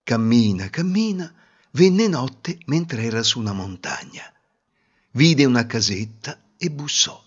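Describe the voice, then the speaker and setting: A man narrating a fairy tale slowly and expressively, with a husky voice. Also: mid-range voice. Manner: slow, expressive voicing. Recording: slightly muffled lo-fi recording.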